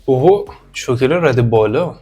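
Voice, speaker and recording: A man doing casual gameplay commentary, excitable, often yelling and laughing at what happens on screen. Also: medium pitch, faint music behind. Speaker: gameplay streamer.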